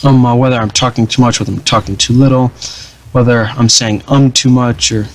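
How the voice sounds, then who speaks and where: In casual commentary for his gaming channel, a young man meanders through his strategy campaign without hurry. His middle-range voice is flat and somewhat dull, and his talk is packed with fillers like um and uh, plus frequent restarts.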